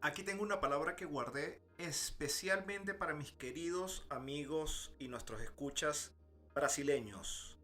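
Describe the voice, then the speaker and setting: A co-host in a casual podcast chat who asks questions eagerly and sometimes speaks fast. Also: mid-range voice, a bit bright, faint music behind.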